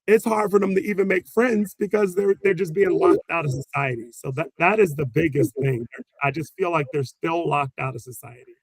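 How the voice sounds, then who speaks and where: Speaking a little fast with a fairly high pitch, a male special ed teacher tells lively stories in response to interview questions, frequently laughing and acting out what people said. The audio has no echo but sounds rough.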